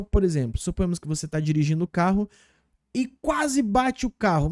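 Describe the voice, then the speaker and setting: Mellow Brazilian teacher, slow drilled phrases. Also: male voice, sits high, no echo, studio quality. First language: Portuguese. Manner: patient, repeats example phrases slowly. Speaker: English teacher. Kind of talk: language lesson explaining game clips.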